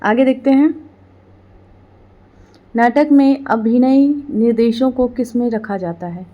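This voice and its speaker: A woman presenting an exam-preparation quiz, reading each question and then its answer in a steady, formulaic delivery. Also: fairly high pitch, takes it slowly, highs cut off.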